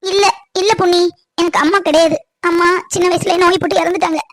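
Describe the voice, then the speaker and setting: A hurt, gentle young woman in a cartoon, voiced by a woman, pleading and sorrowful. Her voice rides high and thin, close to crying. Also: fairly even intonation, fast talker, dry recording. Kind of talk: cartoon voice acting.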